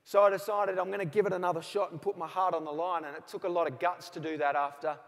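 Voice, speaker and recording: A man's voice: high voice, little pitch movement, fast talker, creaky. A man in his forties with an Australian accent, giving a motivational keynote speech and telling stories with acted-out phone calls. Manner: storytelling, acts out both sides of remembered phone calls. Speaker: motivational speaker. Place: large hall with audience. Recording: reverberant hall.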